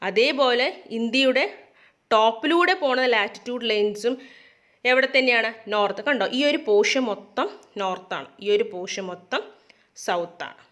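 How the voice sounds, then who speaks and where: A woman's voice: a little high, moderate pace, fairly bright tone. A woman teacher explains a lesson, mixing in English terms and asking questions that she answers herself. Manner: mixes English terms into her speech.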